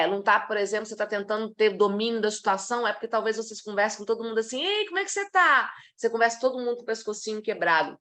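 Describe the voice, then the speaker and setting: Lively Brazilian woman teaching body language. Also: medium pitch. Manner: lively and demonstrative, acting out examples. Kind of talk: live online talk to professionals.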